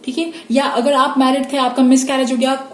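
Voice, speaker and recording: A woman's voice: high-pitched, level tone, moderate pace, echoey room. A woman giving a pick-a-card tarot reading, reassuring her viewers and often checking in with them. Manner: warm reassuring, mixes English phrases, frequent "theek hai" check-ins.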